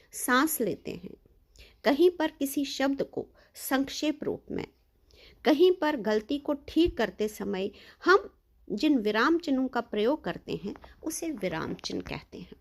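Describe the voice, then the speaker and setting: A woman teaching children, taking her time and explaining each point patiently. Her voice sits a little high and moves up and down with a lot of life as she stresses her example sentences. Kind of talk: lesson for children.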